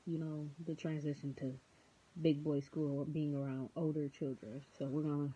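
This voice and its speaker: A tired young woman in her twenties talks off the cuff in a casual home vlog, rambling and goofy with plenty of ums. Her voice sits fairly low. The recording sounds dull and lo-fi. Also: little pitch movement, normal speed, warm tone, slightly rough. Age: 20s. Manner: rambling, unscripted, many filler ums. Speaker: vlogger.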